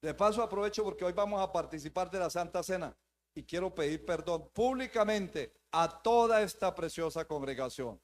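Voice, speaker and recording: A man's voice: sits high, normal speed. A man preaching a sermon to his congregation as pastor, emphatic and repetitive, calling them brothers. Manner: emphatic, repeats phrases, addresses the congregation as brothers. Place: church, before a live congregation.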